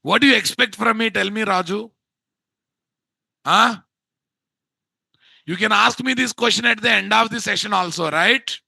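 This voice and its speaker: A man with a Telugu Indian accent teaching an informal live software class in an exasperated, scolding way, often firing rhetorical questions at his students. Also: high voice, moderate pace, gravelly, long pauses, no room sound. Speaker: instructor of a software course.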